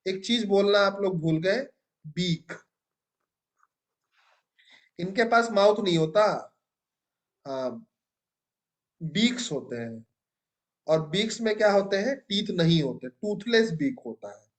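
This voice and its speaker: A man's voice: sits high, animated, slow pace, pauses often. A young man teaching a biology class, asking students questions and praising their answers. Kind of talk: classroom lecture.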